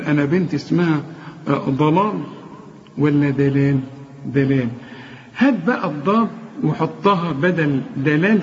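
A man's voice: a little high, in a large hall, lo-fi sound. An Egyptian man teaching Quran recitation, correcting mistakes and chanting each example. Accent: Egyptian Arabic. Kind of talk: tajweed lesson.

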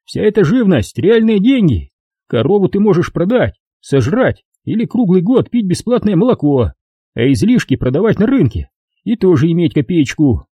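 A man putting on a shrill fat greedy notary. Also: dark tone, slightly rough, no echo, exaggerated voice. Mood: patronizing. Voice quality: shrill, squealing. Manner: condescending and grasping. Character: fat greedy pompous male notary, middle-aged.

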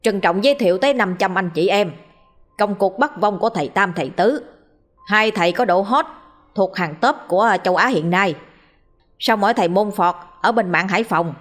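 A woman's voice: medium pitch, normal speed, close to an everyday voice. A woman voicing a brash middle-aged man who hypes his livestream audience, in a showy way. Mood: hyping.

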